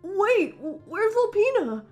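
A woman's voice: very high voice, sing-song, slow, darkish tone, faint music behind, exaggerated voice. Woman voicing Chat Noir, an earnest teenage boy hero. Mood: confused. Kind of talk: fan comic dub acting.

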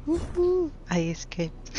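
A woman's voice: high voice, sing-song, slow, background noise. A woman playing a game with friends, giggly and teasing, laughing often. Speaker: friend playing along on stream. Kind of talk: casual gaming chat.

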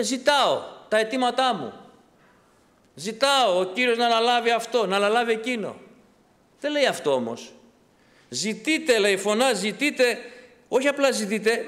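A man with a notably high voice preaches with fervour, posing questions to his congregation and answering them. His words ring out with a long reverb from the church hall around him. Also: fairly bright tone. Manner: impassioned preaching with rhetorical questions. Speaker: pastor. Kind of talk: sermon.

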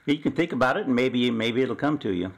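A man's voice: medium pitch, expressive, brisk, creaky. A man asking casual interview questions, speaking from off the microphone.

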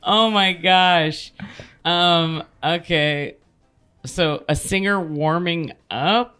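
A woman's voice: on the low side, very slow, a bit bright, clear, resonant tone. A woman playing a comedy guessing game, giggly and self-deprecating, hesitating as she guesses. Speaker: comedian guest. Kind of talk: casual game chat.

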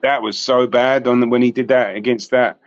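A man's voice: medium pitch, fairly even intonation, normal speed, dry recording. A man from England with an English accent, chatting casually as a guest on a video call, with many restarts and "bro". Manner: chatty, trailing restarts, says bro and mate. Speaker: guest boxing channel host. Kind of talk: casual chat. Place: small room indoors. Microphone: video call webcam. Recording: dull lo-fi call audio, dry.

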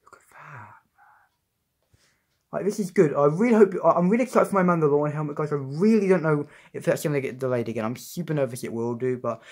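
A young man chatting casually as he reviews a collectible figure, excitable and rambling with frequent restarts. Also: a little high, fast talker, few pauses. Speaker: toy reviewer. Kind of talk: casual unboxing vlog.

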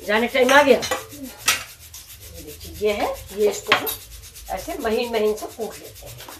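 In a tiled home kitchen, a cooking channel host talks viewers through every step of her demonstration in a slow, sing-song, medium-pitched voice. Echo and background noise fill the recording.

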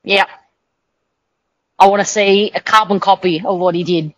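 A woman's voice: medium pitch, steady tone, moderate pace, no echo. A woman with an Australian accent co-hosting a casual football podcast, confident and emphatic in her opinions, on a dull, dry lo-fi recording. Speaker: podcast co-host.

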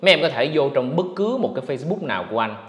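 A man hosting a casual livestream podcast, talking in an animated, ranting way to his viewers. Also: mid-range voice, rapid-fire, muffled recording. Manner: animated, ranting, mocks others in put-on voices. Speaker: podcast host. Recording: echoey room with long reverb.

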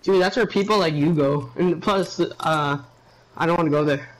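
High-voiced teasing gamer guy. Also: normal speed, poor audio. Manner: teasing, mock-innocent, mocking. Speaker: gamer trolling strangers. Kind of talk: game voice chat.

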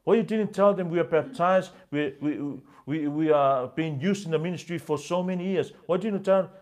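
Indignant husband, demanding questions, raised voice, churchgoer, as a preacher acts him. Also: male voice, a little high, moderate pace, a little mellow, pitched above the performer's own voice, natural voice. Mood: furious.

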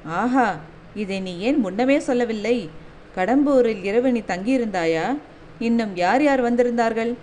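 A woman's voice: on the high side, unhurried, a little mellow, slight background noise, close to an everyday voice. A woman voicing a proud older male fort commander in a storybook reading, speaking in brusque, commanding questions. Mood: startled.

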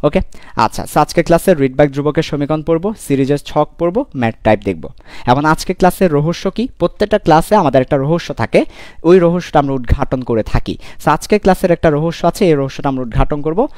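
A young man gives a live online chemistry lecture, animated, playful and given to repeating his points. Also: a little high, fast, no room sound, clean studio sound. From Bangladesh. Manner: animated, repetitive, playful teasing. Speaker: chemistry teacher.

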